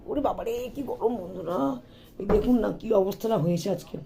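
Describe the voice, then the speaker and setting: A middle-aged woman with a hoarse, sore voice, chatting and complaining to viewers in a casual home vlog. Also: mid-range voice, brisk, mellow. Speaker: vlogger. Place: home, indoors.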